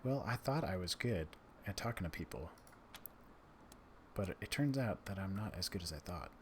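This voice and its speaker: A man's voice: low-pitched, animated, normal speed. A man giving casual gameplay commentary, thinking aloud, muttering and reading game text out. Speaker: gamer commentating a playthrough. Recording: voice over noisy game audio. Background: game sound and ambience.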